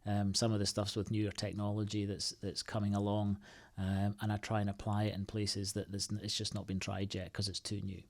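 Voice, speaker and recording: Man, lowish voice, interview guest, halting, restarts a lot, thoughtful. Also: monotone. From United Kingdom. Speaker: podcast guest, IT consultancy co-founder. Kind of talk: casual interview answers.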